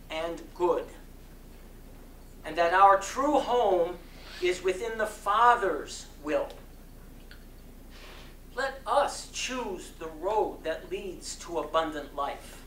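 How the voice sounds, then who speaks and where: Reading a sermon dramatically in a community center hall, a man speaks in a high, bright, forceful voice with very slow, deliberate phrasing and impassioned oratorical emphasis. A distant mic captures him in the echoey room, with faint noise underneath.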